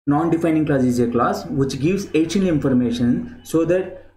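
A young man with a somewhat high, slightly mellow voice teaches English grammar in a slow screen-share lesson, repeating himself a lot and often calling his viewers "friends." He records in a small indoor room that sounds echoey, with clear background noise and the clicking of keyboard typing.

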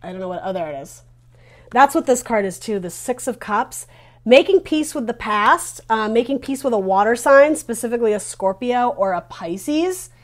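Speaking at an ordinary pace with a fairly high, expressive voice, this thirty-something tarot reader gives an informal video reading. She reassures the viewer while musing out loud, seated in a small, decorated indoor room and wearing a lavalier on her T-shirt.

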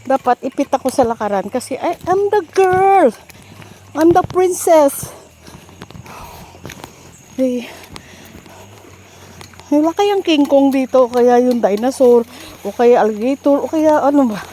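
A woman's voice: high-pitched, measured pace, dark tone, slight background noise. Breathless woman vlogging on a jungle hike. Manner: chatty, exclaiming, mixes English into Tagalog. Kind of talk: casual hiking vlog narration. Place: outdoors on a forest trail by a waterfall.

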